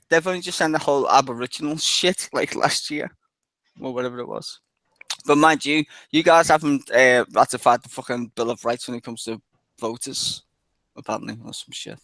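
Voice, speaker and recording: A man's voice: mid-range voice, a bit bright, dry recording. Crude guy on a call. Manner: rambling, crude and profane, laughs often. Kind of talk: casual online hangout chat.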